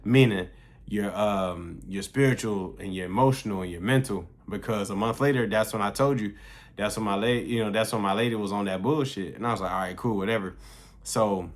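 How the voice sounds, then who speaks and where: A man in his late thirties with a fairly low voice talks straight to camera about his fitness journey. His delivery is loose, slangy and profane, like chatting with friends. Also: brisk. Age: 30s. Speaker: fitness vlogger. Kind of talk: casual talking-to-camera vlog.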